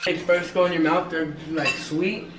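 High-voiced young man, mouth burning from spicy food. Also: fairly even intonation, moderate pace. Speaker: challenge partner. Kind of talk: casual chat. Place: home kitchen, indoors. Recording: echoey room, distant camera, loud noise.

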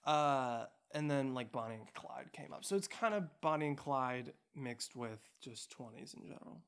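A man's voice: mid-range voice, moderate pace, fairly bright tone, clear, resonant tone. A young man co-hosting a casual podcast with his partner, joking and rambling with plenty of fillers. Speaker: podcast co-host. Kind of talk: casual couple chat.

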